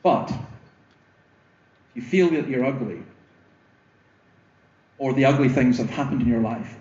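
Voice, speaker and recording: A man's voice: medium pitch, mellow. A Scottish man giving an earnest evangelistic talk, pleading with wry humour. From Scotland. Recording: echoey room, slightly dull sound.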